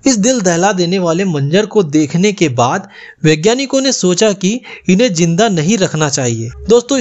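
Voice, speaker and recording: A man hosting an explainer channel, narrating a scripted story and often addressing viewers as friends. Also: high-pitched. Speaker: YouTube channel host.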